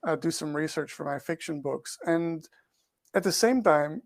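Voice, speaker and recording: Answering a podcast interviewer, this man, an author and researcher who grew up in Portugal and learned English as a second language, chooses his words with care and repeats some as he thinks. He talks at a normal speed in a higher voice touched with vocal fry. The recording is clean studio sound without echo.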